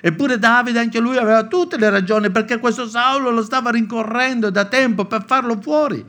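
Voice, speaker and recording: A man from Italy preaching a sermon, acting out biblical quotes with animated, lively delivery. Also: extremely high pitch, moderate pace.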